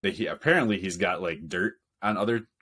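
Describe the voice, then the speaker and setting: A man's voice: sits low, brisk, pushed and bright. A man co-hosting a sports podcast in casual chat, joking and laughing often as he tells stories. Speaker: podcast co-host.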